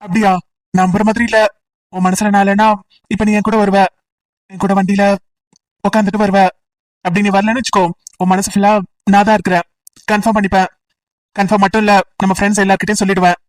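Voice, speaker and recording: A woman's voice: medium pitch, level tone, fast, pauses often, far from the mic, lightly acted, poor audio. A woman voicing a teasing, persistent young male college student in an amateur audio drama, talking in a playful, coaxing way.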